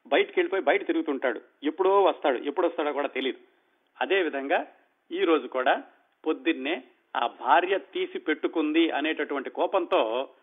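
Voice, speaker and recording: A male storyteller retelling a novel in a conversational manner, acting out dialogue and pausing to comment. His voice sits a little high. The sound is narrow and tinny, like a phone line. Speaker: storyteller host.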